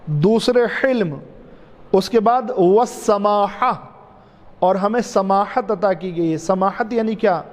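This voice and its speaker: A man, a cleric giving a majlis sermon, repeating key phrases in a drawn-out, emphatic way and calling his listeners dear ones. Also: high voice, darkish tone. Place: mosque. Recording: reverberant mosque hall, faint ambience.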